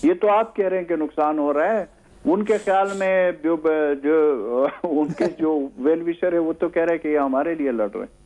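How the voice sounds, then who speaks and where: A man who is a guest analyst on a talk show, speaking in a measured way with many hesitations and fillers. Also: fairly high pitch, a little mellow. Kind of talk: studio talk show discussion. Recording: tinny phone-line sound.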